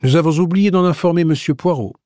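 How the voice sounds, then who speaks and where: A man voicing a fussy, excitable examining magistrate in an audiobook, with a raised, eager delivery. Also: on the high side, fast, dry recording, studio quality, voice pushed up, lightly acted. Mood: animated.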